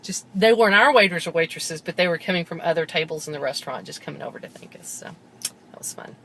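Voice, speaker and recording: A woman's voice: sits low, expressive, quick pace, fairly bright tone, a little hiss or hum, rough recording. A woman from a church outreach team telling eager stories with lots of quoted dialogue. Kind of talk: casual testimony storytelling.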